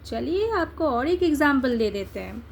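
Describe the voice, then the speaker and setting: A woman's voice: sits high, sing-song, normal speed, creaky, a little hiss or hum. A young adult woman teaching an English grammar lesson, coaxing her students and checking often that they follow. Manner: coaxing, checks understanding with repeated tag questions. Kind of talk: exam-prep grammar lesson.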